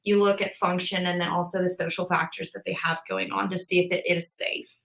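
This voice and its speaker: A woman's voice: on the low side, flat delivery, a little fast, gravelly, fairly bright tone, rough recording. A woman in her twenties, a physical therapist, talking casually as a podcast guest with lots of filler words. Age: 20s. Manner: chatty, frequent "like" and "um" fillers.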